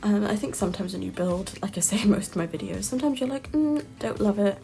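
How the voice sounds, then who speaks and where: This woman's mid-range, gravelly voice is expressive and quick as she narrates her Sims build in a chatty, meandering way. Frequent ums and soft laughs break up her speech, hay fever leaves her slightly nasal, and street traffic drifts in through her home mic.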